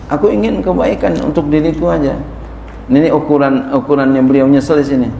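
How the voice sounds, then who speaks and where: A man, a kiai giving a sermon-style lesson on a classical text. He reads Arabic lines, then explains them in casual Indonesian with lively emphasis. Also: mid-range voice, a little hiss or hum. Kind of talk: sermon-style kitab study. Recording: echoey room with faint ambience.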